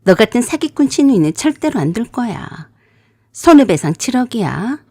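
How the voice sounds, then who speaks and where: A woman voicing a furious, sharp-tongued older sister who shouts and curses. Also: a little high, big pitch swings, normal speed, no echo, clean studio sound. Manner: shouting, cursing.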